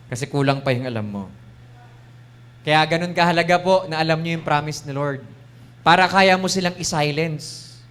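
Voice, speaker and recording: Filipino guy preaching, chatty taglish style, kinda higher voice, acts out the devil talking. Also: fairly bright tone, a little hiss or hum. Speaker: bishop preaching. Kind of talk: sermon.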